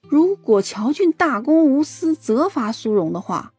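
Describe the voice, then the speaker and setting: A woman voicing a calm, calculating young woman planning gossip stories. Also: high voice, a little slow, breathy edge, no echo, faint music behind, voice pushed up, exaggerated voice. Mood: scheming.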